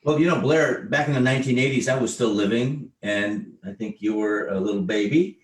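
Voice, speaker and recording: A man's voice: medium pitch, fairly quick. A man hosting an online webinar, reading out questions and chatting with his guest. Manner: conversational, reads out questions. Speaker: host. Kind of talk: webinar moderation. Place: home in Australia or New Zealand. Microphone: video call. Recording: echoey room.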